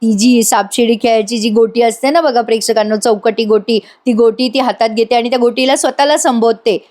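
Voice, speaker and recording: A woman's voice: on the high side, steady tone, fairly quick, darkish tone. A woman giving a chatty voice-over review of a TV serial episode, exclaiming and speaking straight to her audience.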